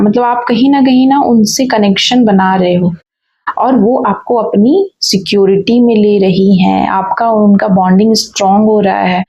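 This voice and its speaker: A woman's voice: medium pitch, dark tone. Emphatic woman tarot reader, muffled. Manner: emphatic and repetitive, often restarting phrases. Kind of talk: tarot reading spoken to viewers.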